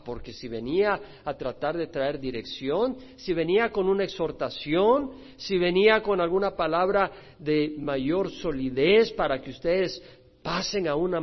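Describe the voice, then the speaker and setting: A male pastor, preaching an expository sermon with animated swings between loud and soft and acted-out quoted voices. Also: sits high. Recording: dull lo-fi recording.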